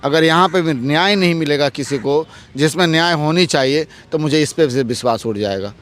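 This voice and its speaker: A man, an advocate, giving a heated political interview, arguing forcefully with repeated rhetorical questions. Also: a little high, fairly quick.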